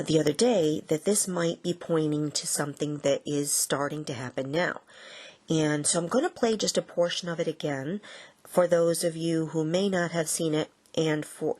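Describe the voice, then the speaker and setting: A woman speaking casually to her viewers in a low voice. She sounds earnest and thoughtful as she recounts a dream. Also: a little mellow. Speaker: vlogger.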